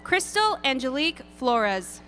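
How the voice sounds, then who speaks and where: A woman reading graduates' names at an outdoor graduation ceremony, announcing each one deliberately. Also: high voice, big pitch swings, bright, forceful tone, soft background music. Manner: deliberate, lilting name announcing. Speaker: graduation name reader. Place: outdoor stadium ceremony over PA.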